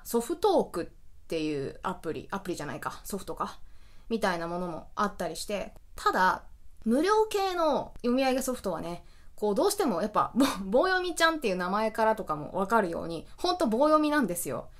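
A woman's voice: medium pitch, big pitch swings, fairly quick. A woman hosting a casual solo web radio chat, explaining things in a chatty way with frequent laughs, on a home studio mic.

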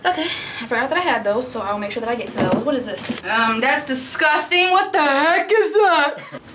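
In her apartment, a young woman talks animatedly through a home vlog, frequently laughing, as a distant camera records her. She's a lifestyle vlogger whose high, expressive voice moves at a moderate pace. Background noise is present, and the sound is roomy and off-mic.

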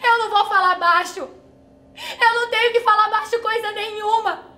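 A woman's voice: very high voice, steady tone, normal speed, pushed and bright. An actress playing a betrayed young woman, spitting bitter accusations. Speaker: actress in a drama exercise. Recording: echoey room with light noise.

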